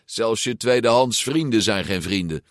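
A man's voice: fairly low pitch, lively intonation, moderate pace, dry recording, studio quality, pitched above the performer's own voice, lightly acted. A man voicing a pompous, sneering boy bully in a storybook reading, taunting and jeering. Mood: mocking.

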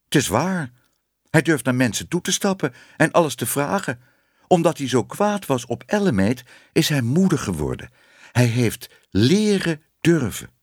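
A man's voice: mid-range voice, sing-song, normal speed, husky, dry recording, clean studio sound, voice pushed up. A man reading a storybook, voicing a shy young woman who was once a cat, hesitant and pleading. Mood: thoughtful.

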